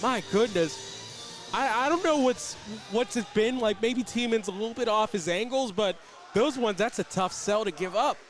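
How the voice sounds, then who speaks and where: A man's voice: sits high, normal speed, faint music behind. A man giving conversational hockey analysis as color commentator, in a colloquial, amazed manner. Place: live at an ice rink.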